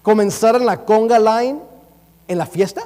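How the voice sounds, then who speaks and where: A high-pitched man preaches a sermon with animated humor, mocking showy preachers. His voice rings through a church sanctuary with a long, hanging reverb. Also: unhurried. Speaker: pastor.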